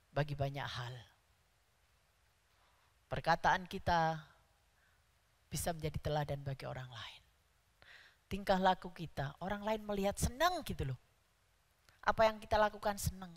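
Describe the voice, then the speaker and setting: A woman preaching a sermon in a church, stressing key words loudly. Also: fairly low pitch, a little slow, pauses often. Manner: emphatic, rising to loud stresses on key words. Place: church hall. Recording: church hall reverb.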